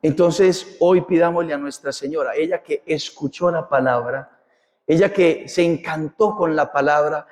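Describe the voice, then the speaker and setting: A man's voice: on the high side, moderate pace, a little mellow. A man preaching a sermon as a parish priest, impassioned and repetitive, with rhetorical questions. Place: church. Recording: long church reverb.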